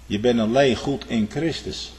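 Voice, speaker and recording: A man preaching a sermon, swinging between loud high outbursts and quiet low asides, often ending lines with a questioning "hm?" and speaking straight to the congregation and its young people. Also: unhurried. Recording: long reverb of a large hall.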